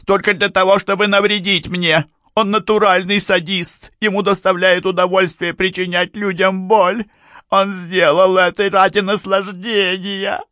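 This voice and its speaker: A man putting on a shrill, tearful aging woman. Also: little pitch movement, measured pace, bright, forceful tone, dry recording, clean studio sound. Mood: angry, sobbing. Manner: shrill, sobbing with anger. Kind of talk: audiobook character voice.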